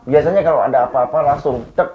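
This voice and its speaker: A man's voice: medium pitch, fast, muffled recording, slight background noise. A man casually recounting a ghostly experience with a friend, acting out the dialogue as he tells it. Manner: conversational, acts out quoted dialogue with a friend. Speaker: storyteller guest.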